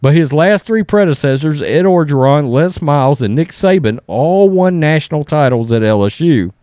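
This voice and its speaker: Male sports commentary host, conversational and blunt, higher register, dry recording. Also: animated, normal speed, dark tone, no echo. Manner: blunt, conversational, often tags points with "okay?". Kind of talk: casual opinion commentary, reading and reacting to articles.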